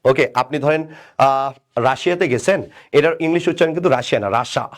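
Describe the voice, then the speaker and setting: A man's voice: fairly high pitch, brisk. A man with a Bangladeshi Bengali accent teaching a live online English grammar class, asking and answering his own questions and teasing commenters by name. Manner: conversational, asks and answers his own questions, repeats "right?".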